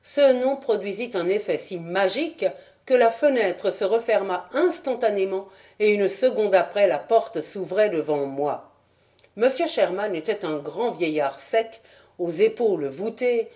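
A woman reading a novel aloud as an audiobook in measured, even scripted narration. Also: medium pitch. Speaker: audiobook reader.

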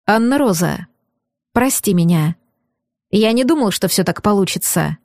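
A woman's voice: medium pitch, expressive, a little slow, a little mellow, no echo, clean studio sound. A woman reading an audiobook and voicing a stern, torn young aristocratic man with firm, clipped, bitter delivery. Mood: tender. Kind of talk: audiobook character voice.

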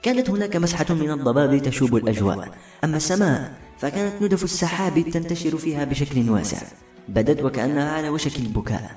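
A man narrating a novel as an audiobook reader, in a smooth, measured storytelling manner. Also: on the high side, expressive, a little mellow. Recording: echoey room, faint music. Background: faint music.

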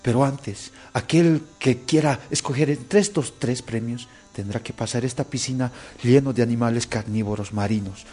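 A man voicing a dying old king who speaks slowly and commandingly. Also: medium pitch, mellow, faint music behind, natural voice.

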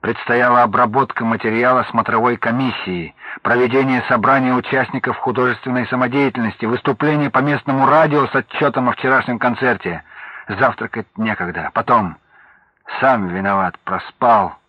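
Brief: male audiobook reader, husky and measured, dry close mic. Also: mid-range voice, fairly even intonation, no room sound. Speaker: audiobook narrator. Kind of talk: scripted narration. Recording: dull lo-fi audiobook recording.

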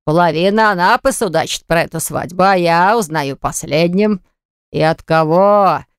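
A woman's voice: lowish voice, clear, resonant tone, no room sound, clean studio sound, close to an everyday voice. Woman doing a nasal, drunk, sneering father. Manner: slow, drawling and mocking. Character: drunk, spiteful middle-aged father, sneering and greedy.

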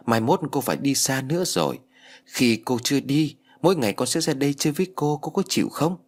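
A man's voice: medium pitch, expressive, brisk, pitched above the performer's own voice. A man voicing a young village boy who scolds and coaxes his ghost aunt in an earnest way. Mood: stern. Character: young village boy, stern yet coaxing.

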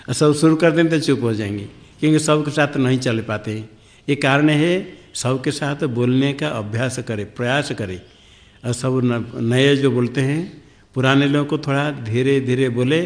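Male swami teaching scripture, mid-pitched, repeats words slowly and chants Sanskrit verses. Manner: slow, repeats words to drill Sanskrit pronunciation. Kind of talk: spiritual discourse.

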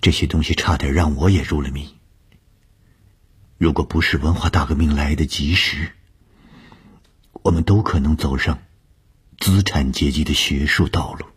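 A male narrator voicing a stern young woman Red Guard student, who speaks sternly, then in a hushed, earnest tone. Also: extremely low pitch, moderate pace, long pauses, breathy edge, exaggerated voice.

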